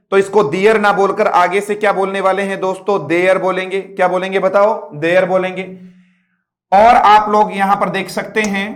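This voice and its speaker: A male English teacher with a high, slightly bright voice gives a patient lecture in a reverberant room. He keeps saying "dosto," asks "are you getting me" to check that students follow, and explains slowly word by word, stretching out example words.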